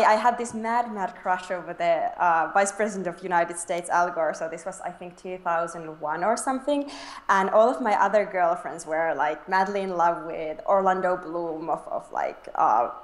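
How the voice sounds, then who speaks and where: A woman's voice: lowish voice, normal speed, reverberant. A young woman from Finland, chatting as an interview guest, laughing often and restarting her sentences. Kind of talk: casual interview chat.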